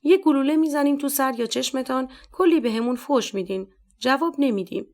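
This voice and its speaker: A woman's voice: sits high, darkish tone. A woman voicing a scornful male police captain. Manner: harsh, scolding, sarcastic.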